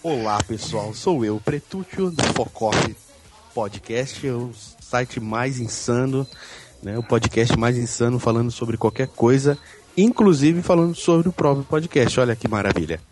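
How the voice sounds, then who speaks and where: A man's voice: mid-range voice, unhurried, over music. A man chatting casually as a podcaster, very close to a microphone that catches his breath. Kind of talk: casual chat. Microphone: held very close, breath blowing on it.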